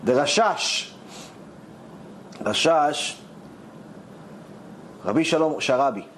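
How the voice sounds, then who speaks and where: Animated man telling a dramatic sermon story. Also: slow, slight background noise, poor audio. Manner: dramatic storyteller, voices the characters with big pitch swings. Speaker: rabbi.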